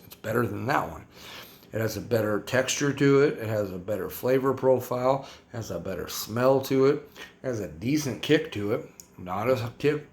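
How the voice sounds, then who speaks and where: A man talking through a hot sauce review in a loose, rambling way. He drops slang, circles back on his own points and keeps piling up words. His voice sits at an ordinary middle pitch. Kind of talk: casual product review vlog.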